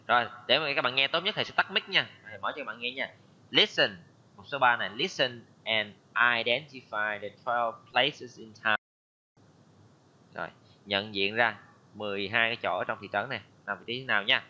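A male English teacher runs an online class, saying each word in English and then explaining it. His voice is bright and forceful, and the call audio sounds muffled and lo-fi. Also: medium pitch, normal speed. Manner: mixes English words with Vietnamese explanations. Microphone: computer mic on a video call.

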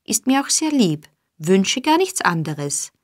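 A woman's voice: mid-range voice, sing-song, unhurried, no echo, clean studio sound. A woman reading an audiobook, voicing a defiant young street woman who speaks curtly and firmly. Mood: calm, defiant. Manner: curt, firm.

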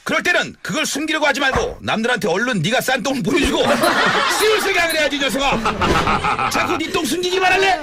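Pompous lecturing dad, a man playing him, lively swings in pitch, noisy recording. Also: a little fast. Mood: preachy. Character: hot-tempered middle-aged father making up sayings.

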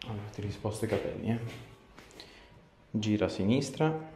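Speaking at a normal speed, a man with a lowish voice and lively intonation guides a patient through chiropractic treatment. He uses short, repeated hands-on instructions, and the small indoor clinic room gives an echoey sound with clear background noise.

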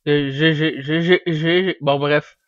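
A young man talks his way through a game in a loose, rambling stream. He easily bursts into yelling at what happens on screen. His slightly high voice comes through a dull, dry home microphone. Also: steady tone, slow pace, no room sound. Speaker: gamer. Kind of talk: casual gameplay commentary. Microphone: desk microphone.

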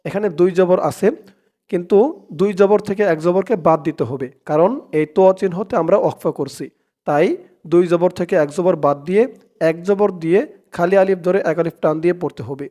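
A man teaching Quran reading in Bengali with a Bangladeshi accent, spelling out words letter by letter and chanting the verses slowly. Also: high voice, dark tone. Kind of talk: slow step-by-step Quran recitation lesson.

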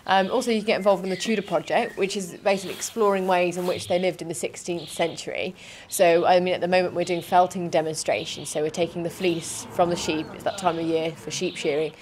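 A woman's voice: lowish voice, fairly even intonation, fast, hardly any pauses, a little mellow, a little hiss or hum. A young woman, a farm operations manager, answering interview questions outdoors in a chatty, enthusiastic way, often repeating words as she thinks. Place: outdoor animal pen.

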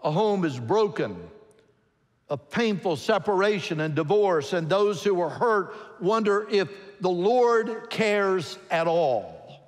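An older man, a pastor, preaching a sermon from a pulpit in a large church, expressive and emphatic. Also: sits high, slow pace. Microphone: pulpit microphone. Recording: long church hall reverb.

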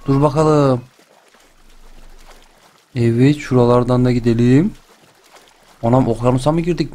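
A young man hosting a game channel, chatting and joking excitedly as he plays. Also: a little high. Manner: chatty, excitable, jokes and exclamations. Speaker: gaming channel host. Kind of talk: playful let's-play commentary.

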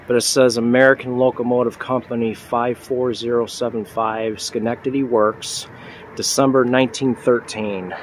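A man in his thirties talks his way through an outdoor walking tour, chatty and pointing things out as he goes. His voice sits mid-pitch and stays fairly even, with little rise and fall. Faint street noise hangs behind the handheld phone recording. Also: normal speed. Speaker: vlogger. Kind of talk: casual walking tour narration. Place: outdoors at a town train station plaza.

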